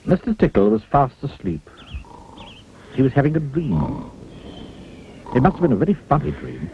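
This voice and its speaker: A man's voice: fairly low pitch, breathy edge. A man reading a children's storybook aloud in a playful way, stretching out words for emphasis. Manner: playful, swooping, drawn-out emphasis. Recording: slightly muffled, faint music behind.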